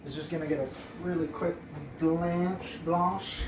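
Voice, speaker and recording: A man's voice: a little high, fairly even intonation, a little slow, over loud music. A man hosting a home cooking video who chats casually, rambles and jokes while he works. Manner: rambling, joking, playful. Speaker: home cook and host. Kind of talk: casual cooking show chat. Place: home kitchen. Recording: echoey kitchen, mic at a distance.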